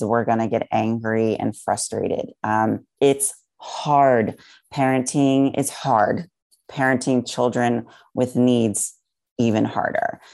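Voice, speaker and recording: A woman's voice: a bass voice, darkish tone. A woman guest on a podcast, giving earnest, heartfelt parenting advice in a casual chat.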